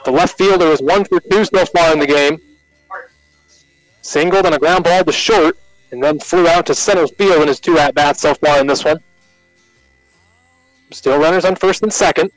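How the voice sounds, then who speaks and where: A man with an American accent calling live baseball play-by-play on the radio in short, measured announcer phrases. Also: on the high side, no echo, faint music behind, poor audio.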